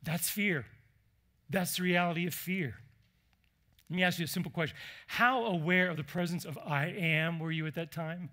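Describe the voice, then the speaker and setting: Pastor guy preaching, high bright voice, lively and chatty, asks the room questions. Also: moderate pace. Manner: animated, conversational preaching with questions to the congregation. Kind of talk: sermon. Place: church.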